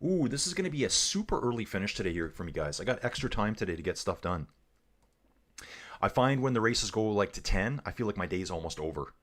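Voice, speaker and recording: Over earbuds, a chatty man with a lowish voice commentates a race on livestream, very animated and brisk. He reads viewer messages aloud and riffs casually, calling everyone guys and dude, staying loose and conversational throughout.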